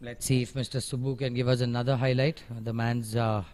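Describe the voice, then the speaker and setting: A man's voice: mid-range voice, flat delivery, brisk, a little mellow. A man giving conversational live golf commentary, analysing each shot and offering encouraging remarks.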